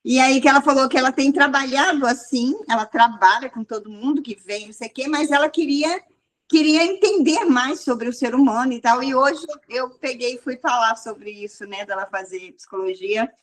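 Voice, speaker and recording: High-voiced rambling woman. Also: moderate pace. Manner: rambling, restarts often, quotes people in raised voice. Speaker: group leader. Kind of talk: casual testimony at a church meeting.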